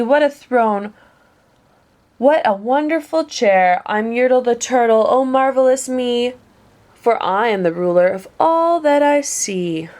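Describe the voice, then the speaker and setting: A pompous turtle king bellows out his boasts and orders in a raised, high voice, put on by a woman reading aloud. He is full of himself and loud about it, and he delivers his lines slowly and grandly. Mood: gloating.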